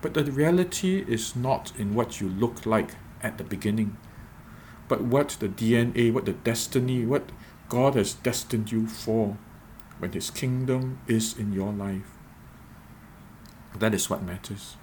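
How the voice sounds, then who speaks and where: A man giving a reflective devotional podcast talk as a preacher, measured and repeating phrases for emphasis. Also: on the low side, a little mellow, a little hiss or hum.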